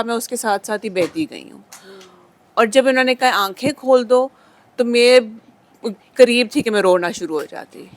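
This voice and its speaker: A woman giving a personal testimony about a prayer experience, reflective and dropping English words into her speech. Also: medium pitch. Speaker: group member giving testimony.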